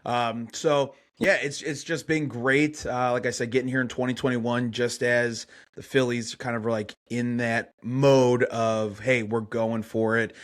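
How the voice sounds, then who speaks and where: Laid-back guest rambling about baseball. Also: male voice, medium pitch, steady tone, a little slow, hardly any pauses. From Chicago. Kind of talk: casual podcast interview.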